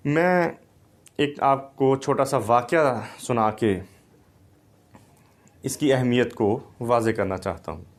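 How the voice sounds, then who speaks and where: A man lectures in an unhurried, measured way. His pitch sits in an ordinary middle range for a man. He lays out each point with care, like a teacher at a board. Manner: slow, deliberate explaining with anecdotes. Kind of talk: recorded lecture.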